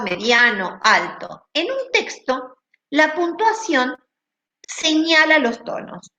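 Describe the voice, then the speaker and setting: A woman teaching a class, explaining step by step in a deliberate way and often checking that students follow. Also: a little high, a bit bright. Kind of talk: online class lecture. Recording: roomy echo.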